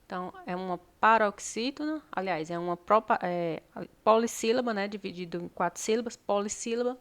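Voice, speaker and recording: A woman's voice: medium pitch, a little fast. A Brazilian woman teaching an exam-prep lesson, explaining each answer step by step and often checking in with tag questions.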